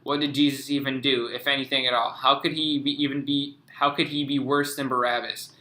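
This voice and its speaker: A young man reads his class presentation aloud in a flat, even voice with a bright, forceful edge. He stumbles and restarts over words. The sound carries a roomy echo. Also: mid-range voice, brisk.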